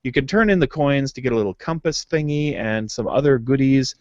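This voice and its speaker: A man's voice: mid-range voice, a little fast, darkish tone, dry recording. Man, podcast host, casual rambling chat, dry dull lo-fi sound. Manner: rambling, chuckling, filler-heavy. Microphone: home mic on a video hangout. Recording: dull lo-fi dry webcast audio.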